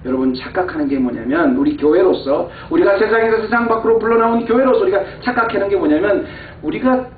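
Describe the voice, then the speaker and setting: A man preaching a sermon as pastor, dropping to low, quiet asides and rising to heated emphasis, acting out exasperated complaints. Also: narrow, tinny audio, a little hiss or hum. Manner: acts out quoted complaints in an exasperated voice. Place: church sanctuary. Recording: echoey, far-off, phone-thin church recording.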